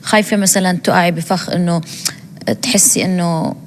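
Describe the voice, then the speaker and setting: Quick-asking woman interviewer. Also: on the low side, fairly even intonation, long reverb tail, a little hiss or hum. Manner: asks quick probing questions. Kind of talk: casual interview chat.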